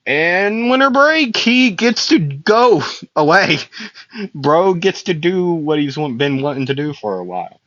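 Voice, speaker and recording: Rambling through a fan-made anime story with fillers and lots of laughter, a young man speaks casually while his voice wears out and he loses it. He has a fairly high, sing-song, fairly bright voice at a measured pace. The recording is dry with a lo-fi sound.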